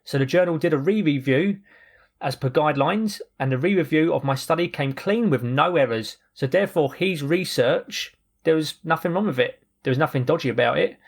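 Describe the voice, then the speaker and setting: A man's voice: on the high side, fairly quick, creaky. A man on a podcast clip reading out and paraphrasing a post, adding wry asides between the quotes. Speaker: podcast host.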